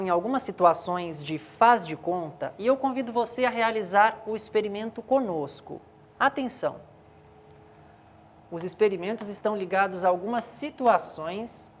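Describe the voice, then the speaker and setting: Steady woman teacher guiding the class. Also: medium pitch.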